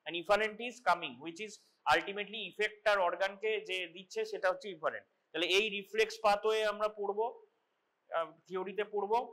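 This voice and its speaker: A male lecturer teaches anatomy in a classroom. His voice sits high and sounds bright. He explains step by step, often restarting phrases and switching into English terms. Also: steady tone, moderate pace.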